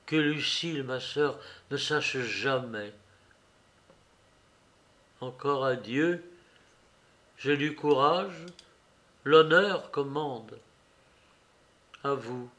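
A man reading as a despairing young woman. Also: mid-range voice. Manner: hushed, sorrowful, pleading. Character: desperate young woman writing a farewell letter. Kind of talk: audiobook reading.

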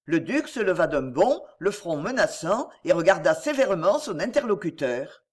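A woman narrating a novel in an audiobook reading. Her storytelling is measured but expressive, with a lively, moving pitch. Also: breathy edge.

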